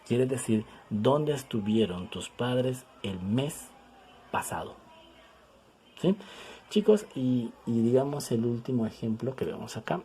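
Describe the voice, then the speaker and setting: A male teacher giving an English lesson in Spanish. He repeats each English example slowly and keeps checking with the class by asking "¿sí?". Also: medium pitch, animated, mellow, slight background noise, rough recording. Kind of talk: recorded language lesson.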